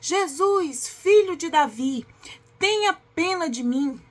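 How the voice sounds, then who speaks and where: A woman voicing a desperate blind beggar man who shouts and pleads for mercy in a Bible reading. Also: very high-pitched, lively intonation, slow, pitched above the performer's own voice, full character voice. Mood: pleading.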